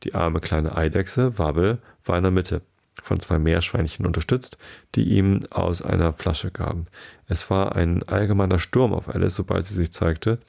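A man reading a children's story aloud as narrator, in a slow, careful storytelling way. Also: deep voice, gravelly, a little mellow.

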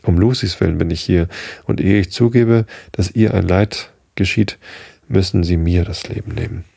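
A man's voice: low voice, steady tone, moderate pace, gravelly, warm tone, breathy edge, dry recording, exaggerated voice. A man reading as a grim young hunter. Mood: grimly determined. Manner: firm, urgent. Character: young male frontier hunter, grim and determined.

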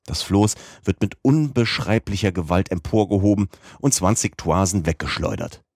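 A man reading a classic adventure novel aloud as an audiobook narrator, in a measured, steady manner. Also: deep voice, dry recording, studio quality.

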